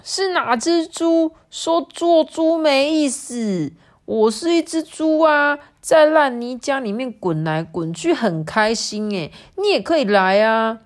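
A woman's voice: sits high, lively intonation, slow pace, voice pushed up. A woman voicing a cheerful, carefree pig in a storybook, calling out in a bouncy way. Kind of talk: storybook reading aloud.

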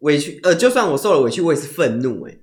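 A woman's voice: low voice, big pitch swings, fast, roomy sound. A woman with a Taiwanese Mandarin accent, co-hosting a casual podcast chat in a blunt, teasing way. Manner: blunt, teasing, acts out angry quotes. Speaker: podcast co-host.

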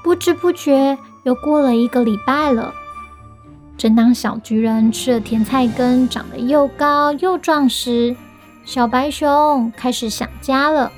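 High-pitched Taiwanese woman reading to a toddler. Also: measured pace, faint music behind. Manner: reading to a toddler, addressing little listeners directly. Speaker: children's story podcast host. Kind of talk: storytelling to young children.

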